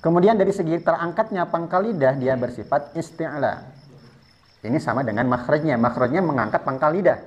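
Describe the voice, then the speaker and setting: Guy teaching tajwid, kinda high voice, patient, shows how each sound goes, muffled lo-fi audio. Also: lively intonation, brisk. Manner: patient, explains step by step, models sounds to repeat. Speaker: Quran recitation teacher. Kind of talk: tajwid lesson with spoken demonstrations. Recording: dull lo-fi sound.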